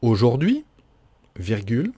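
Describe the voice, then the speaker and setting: Man dictating very slowly, mellow voice. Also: mid-range voice, wildly swooping pitch, husky. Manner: deliberate, carefully articulated, repeating each phrase. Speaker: teacher giving a dictation. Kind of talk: dictating slowly, phrase by phrase with punctuation spoken.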